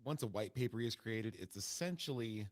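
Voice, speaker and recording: A man's voice: fairly low pitch, lively intonation, moderate pace. A man co-hosting a casual podcast, explaining crypto with repeated stammered starts. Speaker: podcast co-host.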